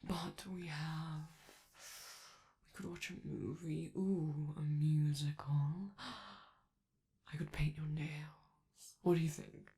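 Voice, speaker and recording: A woman gives a full character voice to a showy, self-adoring robot star in scripted ASMR, doting and theatrical, with drawn-out words and teasing endearments. Her low, dark voice carries vocal fry and fairly even intonation. The mood is excited and playful.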